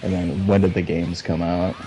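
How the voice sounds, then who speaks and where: A man with a strikingly low voice chats casually on a live game stream. He is blunt and emphatic and swears freely, and a faint hiss of noise sits under him. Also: level tone, normal speed, mellow, poor audio. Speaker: streamer co-host.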